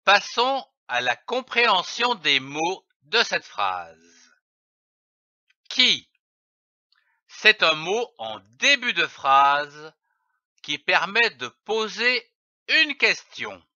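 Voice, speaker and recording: A man leads a children's reading lesson at a very slow, careful pace, spelling out letters one by one before saying each syllable. His high, lively voice has a bright edge. The recording sounds dull, lo-fi and dry. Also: no room sound. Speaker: reading teacher.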